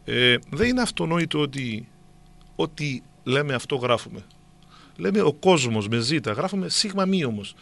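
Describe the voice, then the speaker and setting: A man's voice: fairly high pitch, big pitch swings, gravelly, fairly bright tone. A middle-aged man explaining at length to a co-host, with many hesitant fillers. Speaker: guest.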